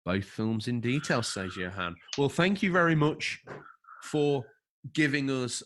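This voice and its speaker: A man's voice: medium pitch, measured pace, a bit bright, a little hiss or hum. A man co-hosting a casual podcast, reading out a film overview with jokey, emphatic asides. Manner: jokey, emphatic, stumbles over names. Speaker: podcast co-host.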